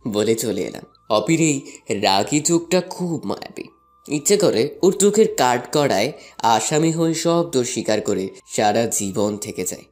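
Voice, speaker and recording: A man's voice: mid-range voice, lively intonation, measured pace, darkish tone, faint music behind, close to an everyday voice. A young man narrating a first-person love story and voicing a playful, teasing student in an audio drama. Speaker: narrator and lead voice actor.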